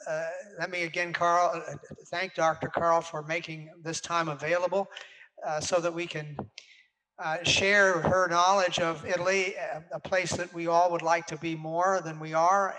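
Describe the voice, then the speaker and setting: Halting older man hosting a talk. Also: a little high, bright, forceful tone, rough recording. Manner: hesitant, many filler uhs. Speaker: host. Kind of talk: hosted conversation.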